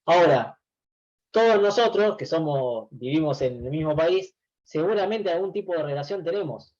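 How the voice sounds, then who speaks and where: A man's voice: on the high side, animated, normal speed, darkish tone. Man teaching over a lo-fi call. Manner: explains patiently, many restarts and filler "eh". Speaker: university database teacher. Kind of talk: online class lecture. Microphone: video call.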